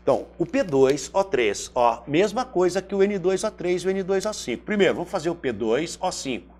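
Lively Brazilian chemistry teacher, animated. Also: male voice, sits high, brisk. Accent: Brazilian Portuguese. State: throat briefly irritated. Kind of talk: lively classroom lecture.

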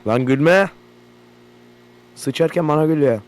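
This Turkish YouTuber's voice sits fairly high and moves a little slowly. He's a young man swearing and yelping loudly through a horror game while its generator hums in the background.

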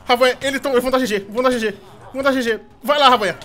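A man with a Brazilian accent hosting a gaming channel, chatting excitedly with friends during play and repeating words in rapid bursts. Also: extremely high pitch. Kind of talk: excited gameplay chat with friends.

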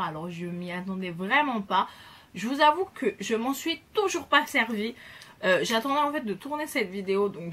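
Young female beauty vlogger, chatty and bubbly, mid pitch, pauses a lot mid-sentence, recorded at home. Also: a bit bright. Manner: chatty and enthusiastic, hesitant pauses. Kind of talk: casual gift haul chat.

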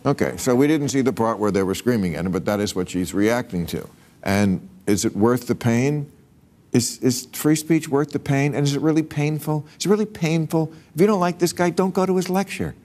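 A man's voice: mid-range voice, a little fast, a little mellow. A man hosting a panel discussion, emphatic and argumentative. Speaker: talk show host.

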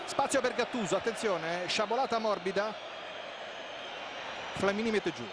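A high-voiced male football commentator calls the action in urgent, clipped bursts that build toward excited goal calls. His voice rides over very loud stadium noise. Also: moderate pace. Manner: urgent, clipped phrases, names players as play unfolds. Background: stadium crowd noise.

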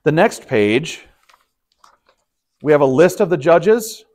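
A man's voice: on the high side, very animated, slow, a little mellow. A man, a pastor, leading an informal Bible study, explaining in a conversational way with frequent fillers and restarts. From Texas. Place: church study room.

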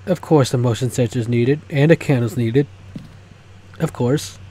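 A co-streamer trading jokes during a live game, laughing often and putting on mock outrage. The pitch stays in the middle range. A faint layer of noise sits behind the voice. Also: moderate pace, dark tone. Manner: joking, laughing, mock-indignant banter. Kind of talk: casual gaming chat.

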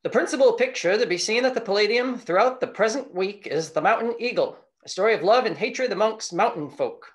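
A man's voice: sits high, lively intonation, fairly bright tone, voice pushed up. A man doing a lofty 1920s radio announcer. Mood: grand. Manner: lofty, measured period reading.

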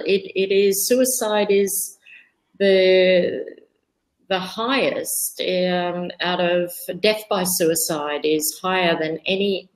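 A woman hosting a live-streamed discussion, talking earnestly and deliberately. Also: mid-range voice, rough recording. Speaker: host.

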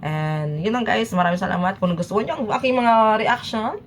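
A woman's voice: mid-range voice, lively intonation, normal speed, slight background noise. A woman from the Philippines chatting casually as a YouTube reaction vlogger, switching between Tagalog and English and laughing often.

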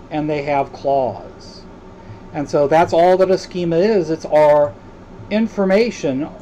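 Mellow-voiced man giving a halting lecture. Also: on the high side, slight background noise, rough recording. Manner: hesitant, many filler sounds. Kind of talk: recorded lecture.

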